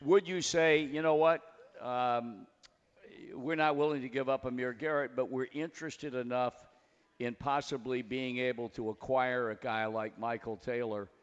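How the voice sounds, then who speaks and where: A man hosting a sports call-in radio show, folksy and wry. His voice sits at an ordinary middle pitch. The sound is muffled and trails off in a long reverb. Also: fairly even intonation, moderate pace, smooth. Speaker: radio talk show host.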